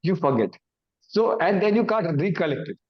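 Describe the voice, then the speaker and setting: His voice sits high and sing-song at a moderate pace, recorded with lo-fi sound. This Indian English-accented man, a Hindi native speaker, uses simple, repeated phrases and acted-out confused thoughts to give an awareness talk built on everyday examples.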